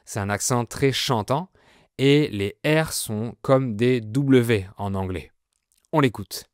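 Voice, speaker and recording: French guy doing a podcast lesson, slow careful explaining, mid pitch, dry sound. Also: dry recording. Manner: slow, clear explanatory delivery. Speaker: French teacher, podcast host.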